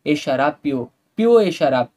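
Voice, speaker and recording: A man's voice: on the high side, animated, measured pace, darkish tone. A man voicing a leering, drunken rich villain who mocks and sneers and slips into Hindi couplets. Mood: mocking.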